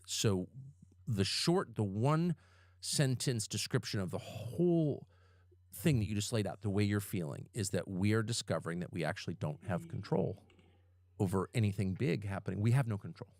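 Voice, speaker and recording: Animated, emphatic man in his fifties. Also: lowish voice, no echo. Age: 50s. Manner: emphatic, animated, swears freely. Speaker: podcast guest. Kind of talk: casual podcast conversation.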